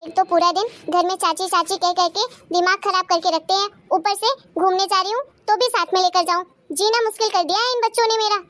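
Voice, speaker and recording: A woman's voice: extremely high pitch, fairly even intonation, a little fast, few pauses, no room sound. Woman voicing resentful young cartoon aunt. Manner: complaining, sharp-tongued. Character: young aunt, new bride, turns resentful and harsh. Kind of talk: cartoon voice acting.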